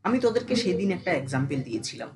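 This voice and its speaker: A teacher giving a casual online class who speaks familiarly to the students, keeps asking if they follow, and slows down to sound out syllables one by one. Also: mid-range voice, big pitch swings, noisy background. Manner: addresses students familiarly, asks them constant check questions.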